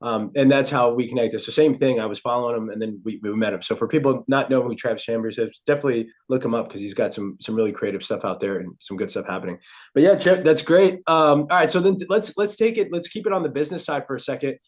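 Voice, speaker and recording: A man's voice: mid-range voice, fast talker. A man hosting a podcast interview, upbeat and enthusiastic in casual chat. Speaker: podcast host.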